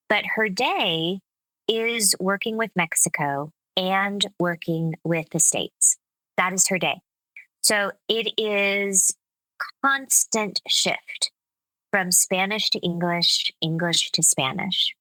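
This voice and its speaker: A woman speech coach explaining her methods in a measured, explanatory way during a conversational interview. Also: mid-range voice, pushed and bright, no room sound, rough recording. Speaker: speech coach and accent specialist.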